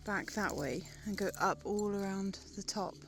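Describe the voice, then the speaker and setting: A woman's voice: medium pitch, normal speed, gravelly, background noise. A woman chatting casually and enthusiastically as she narrates a country walk for a vlog. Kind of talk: casual chat.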